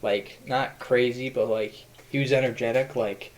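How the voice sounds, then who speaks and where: A man's voice: mid-range voice, steady tone, normal speed, crowd noise, rough recording. A young man hosting a podcast, telling a rambling story in casual chat with many fillers. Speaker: podcast host.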